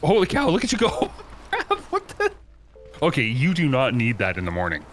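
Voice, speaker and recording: A man's voice: medium pitch, wildly swooping pitch, moderate pace, background noise. A man playing a co-op survival game as a guest, giggly, puzzled and easily amused. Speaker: co-op guest player. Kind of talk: casual let's-play banter.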